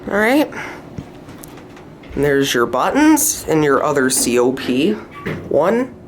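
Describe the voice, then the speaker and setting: A man talks slowly and casually into a handheld camera as he rides hotel elevators, pointing out details as he goes. His voice sits at a medium pitch, with faint background hum. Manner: relaxed, pointing things out as he goes. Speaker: elevator enthusiast filming. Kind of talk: casual narration while filming. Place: hotel elevators and hallway, indoors.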